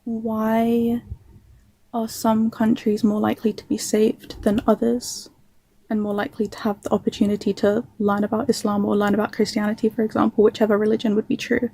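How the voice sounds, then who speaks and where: A woman's voice: on the high side, little pitch movement, a little fast, gravelly, mellow, breathy edge, low-quality recording. A woman from England asking hesitant, thoughtful questions in a casual conversation about faith. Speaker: passerby questioned in debate.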